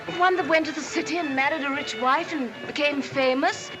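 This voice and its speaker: A woman's voice: high-pitched, fairly quick, close to an everyday voice. An actress playing a saucy, teasing young country girl in 1930s film style. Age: young adult. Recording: 1930s film soundtrack, music behind.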